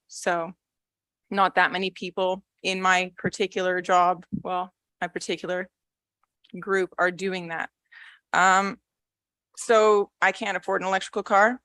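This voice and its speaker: A woman's voice: mid-range voice, fairly even intonation, moderate pace, fairly bright tone, no echo. A young woman speaking at a public hearing, nervous yet blunt and frustrated. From Canada. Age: young adult. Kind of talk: public comment. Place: council chamber.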